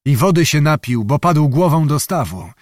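A man reading an audiobook, voicing a calm officer who speaks in a matter-of-fact way. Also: on the high side, normal speed, no room sound, clean studio sound. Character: calm male Tatar officer.

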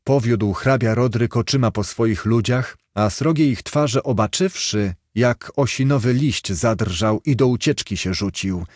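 A man's voice: medium pitch, unhurried, hardly any pauses, darkish tone, no room sound, clean studio sound. A man narrating an archaic fairy tale aloud in a solemn storybook manner. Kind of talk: storybook reading.

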